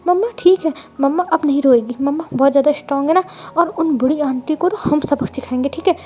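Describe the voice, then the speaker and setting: A woman voicing a calm young man who soothes and reassures. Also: high-pitched, fast, slight background noise, natural voice. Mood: reassuring. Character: young man, gentle and protective.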